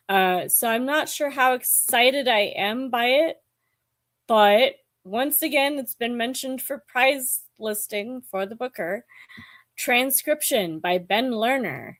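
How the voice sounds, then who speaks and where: Slow, hesitant woman in her forties. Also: fairly high pitch, a bit bright. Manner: hesitant, musing, many ums. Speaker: book vlogger. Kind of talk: casual book chat to camera.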